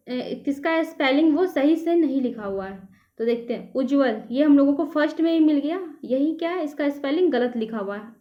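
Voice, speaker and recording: A woman teacher taking a class through an exam prep lesson, patiently checking each answer option in turn. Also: sits high. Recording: echoey room, slightly dull sound.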